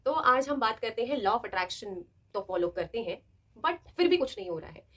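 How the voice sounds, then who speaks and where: A woman's voice: a little high, expressive, moderate pace, a bit bright. A young adult woman hosting a self-help video, talking casually and expressively and acting out little scenes as she explains. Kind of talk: casual motivational talk to camera.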